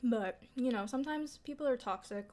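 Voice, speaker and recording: Higher-voiced young woman, casual mukbang vlogger. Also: normal speed, darkish tone. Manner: informal, filler-heavy, mild swearing. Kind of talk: casual mukbang chat to viewers while eating.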